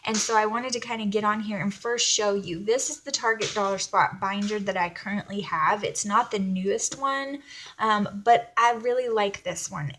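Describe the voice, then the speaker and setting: A vlogger from Alabama with a Southern US accent hosts a planner video, chatting casually in a rambling, self-effacing way. Her medium-pitched voice is a bit bright, with slight background noise.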